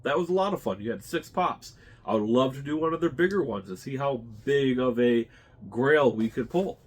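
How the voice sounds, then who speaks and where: A man's voice: medium pitch, animated, normal speed, husky. Congested man rambling in a casual chat. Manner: rambling, thinking aloud. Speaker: channel host.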